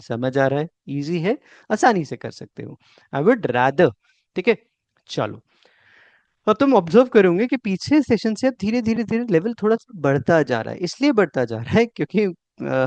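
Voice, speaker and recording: A man teaching spoken English, drilling English phrases slowly and checking often whether students follow. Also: on the high side, darkish tone, no echo. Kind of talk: bilingual Hindi-English lesson. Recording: dull, dry lo-fi sound.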